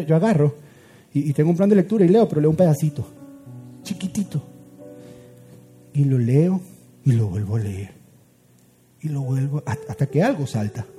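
A man preaching a sermon as a pastor, swinging from loud urgent build-ups to hushed, quiet lines. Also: a little high.

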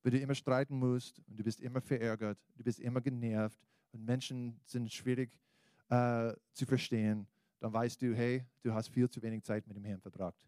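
His voice is mid-range and mellow, delivered flatly at a moderate pace with no room sound. This preacher, an American native English speaker talking in German with an American accent, gives an informal evangelical sermon, exhorting the audience directly in everyday speech.

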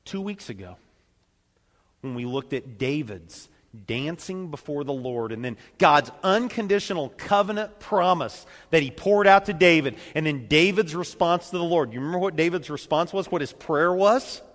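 A man preaching a sermon, reading scripture with dramatic commentary and sudden shifts between loud and soft. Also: on the high side, moderate pace. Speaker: pastor. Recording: long reverb of a large hall.

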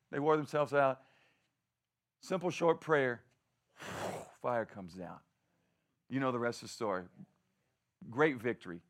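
A man preaching a sermon, telling a story in a conversational, mocking way, shouting at the peaks and dropping to quiet asides, often laughing. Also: medium pitch.

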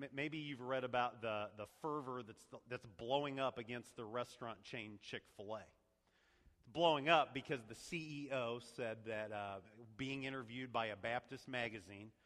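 A man preaching a sermon, dropping to a hush and then rising to loud emphasis, with joking asides to his congregation. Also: mid-range voice. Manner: dynamic preacher, swings from hushed to loud, jokey asides. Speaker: pastor. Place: church sanctuary. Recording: long hall reverb.

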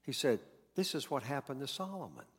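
A man's voice: medium pitch, sing-song, brisk, husky, big-room sound. A man preaching a sermon in a conversational way, acting out quoted lines and repeating key words. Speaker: pastor.

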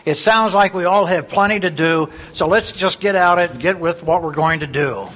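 A man's voice: high voice, moderate pace, fairly bright tone. A man playing a blustery, bossy grandfather in an amateur church skit. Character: gruff grandfather who wants to go bowling.

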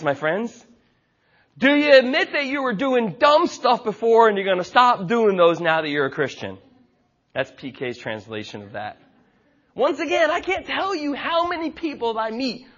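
Male pastor, forties, sermon, high voice, lively swooping delivery, church stage. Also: dull audio. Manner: emphatic, folksy, joking asides.

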